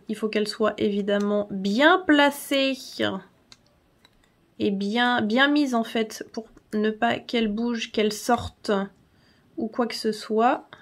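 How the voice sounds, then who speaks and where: Chatty woman with a higher voice. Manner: chatty, laughs often, many fillers. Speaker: channel host. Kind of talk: casual tutorial vlog.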